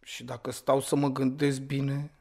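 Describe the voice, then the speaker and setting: A flustered man tangled up in an affair. He stammers, repeats himself and keeps cutting in with pleading protests. A guilty, fumbling lover rather than a smooth one. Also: mid-range voice, flat delivery, mellow. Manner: stammering, pleading, talks over others. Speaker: lover in a radio play. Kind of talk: radio theatre acting.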